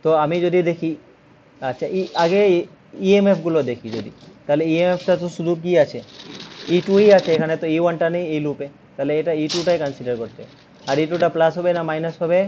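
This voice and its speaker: A man's voice: a little high, fairly quick, warm tone, lo-fi sound, slight background noise. A man with a Bengali accent teaching a physics lesson, patiently explaining step by step.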